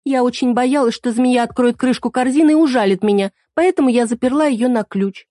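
A woman's voice: on the high side, a little fast, warm tone, no echo, clean studio sound, voice pushed up, close to an everyday voice. A woman voicing a capricious, scheming young princess with a whiny, petulant manner. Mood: defensive.

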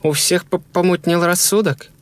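A man putting on a scared, pushy young wife in a spoken horror story, voice pitched way up and tight, talking in tense breathless bursts while the sound stays close and dry with no room around it. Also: steady tone, moderate pace, dry recording, lightly acted. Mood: insistent. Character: frightened, insistent young wife.

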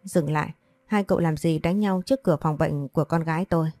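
A woman's voice: sits low, fast, warm tone, soft background music. A woman reading the lines of a stern, commanding middle-aged father in a storybook.

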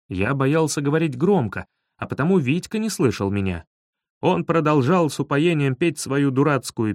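A man narrating a humorous children's story in an expressive storytelling manner. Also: a little high, no room sound, studio quality. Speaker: audiobook narrator.

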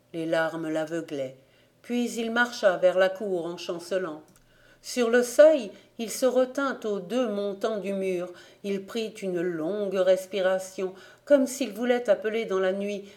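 A woman narrating a classic novel as an audiobook, her voice mid-pitched and even. She reads in a steady, measured way, letting each sentence land in turn. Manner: steady, measured literary reading. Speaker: volunteer audiobook reader.

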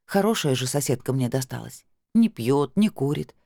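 Lively, wry woman narrator. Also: extremely low pitch, normal speed, creaky, no echo, studio quality. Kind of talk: first-person audiobook narration.

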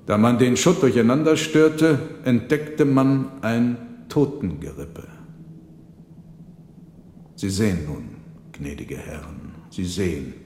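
Male radio-play narrator, measured and unhurried; echoey space, faint noise. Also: fairly low pitch, lively intonation, a little mellow. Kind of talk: scripted literary reading for radio. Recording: roomy with long reverb, faint noise.

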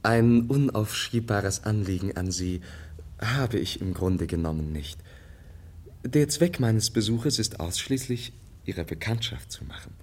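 Give the listener a young prince with a deep voice in a radio drama. He is courteous and humble. He explains himself with naive candour, hesitating politely as he goes. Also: full character voice. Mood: hesitant, courteous. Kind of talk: German radio drama acting.

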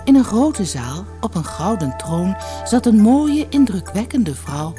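A woman reading a fairy tale aloud as a storyteller, with an expressive, gently varied delivery. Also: medium pitch, a little slow. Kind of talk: storybook narration for children. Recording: audiobook with soft music behind. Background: faint music.

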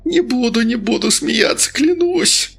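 A man voicing a terrified spoiled young rich man, begging for his life in a high, trembling wail, in an audiobook. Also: lively intonation, measured pace, gravelly, a bit bright, breathy edge, exaggerated voice. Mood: begging, desperate. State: trembling with fear.

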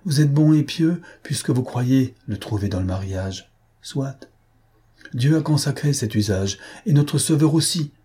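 A man reading an audiobook, voicing a stern older priest who speaks in grave, measured pronouncements. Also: medium pitch, animated, dark tone, breathy edge, voice pushed up. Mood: solemn.

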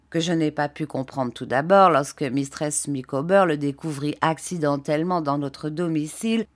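A woman reading a pompous gentleman's letter. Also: fairly low pitch, close to an everyday voice. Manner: florid, declamatory.

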